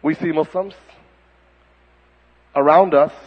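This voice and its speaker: A man preaching to young people in a mosque, with a lively delivery that breaks into shouted and sung imitations. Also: on the high side, slow pace. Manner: animated, mimics people in sudden shouts and sing-song voices. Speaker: imam. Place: mosque hall. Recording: dull lo-fi tape in a reverberant hall.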